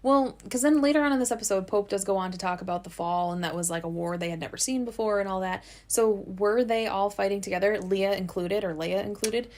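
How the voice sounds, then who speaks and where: A woman co-hosts a relaxed podcast and talks over a TV episode in easy, casual chat. She thinks out loud as she goes and often breaks into giggles. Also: medium pitch, quick pace, few pauses. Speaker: podcast co-host.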